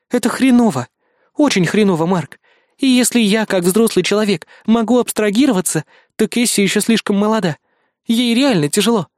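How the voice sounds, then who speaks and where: A man's voice: sits high, darkish tone, no room sound, studio quality, pitched above the performer's own voice, close to an everyday voice. A man doing a hot-tempered woman fighter. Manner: brusque, growling, sarcastic. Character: fierce young woman partner, hot-tempered, blunt. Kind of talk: audiobook character voice.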